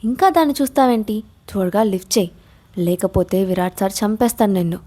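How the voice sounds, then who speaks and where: A woman voicing a young woman, a restless friend with a teasing, lively way of talking. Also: mid-range voice, brisk, natural voice.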